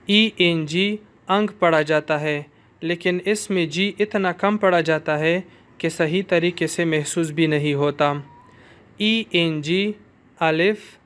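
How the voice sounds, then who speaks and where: An Urdu-accented man with a fairly high, smooth and resonant voice gives a language lesson. He talks slowly and carefully, breaking each point down and repeating the sounds in steady drills. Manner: slow, careful explanation with drilled repetitions. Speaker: language teacher. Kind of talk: recorded Chinese lesson.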